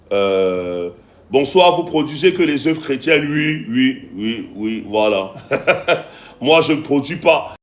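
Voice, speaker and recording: A man with a somewhat high voice hosts a casual live stream into his phone. He repeats himself a lot, fills gaps with "euh" and "voilà", and pleads with his viewers. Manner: repetitive, pleading with viewers, many fillers. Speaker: live-stream host and music producer.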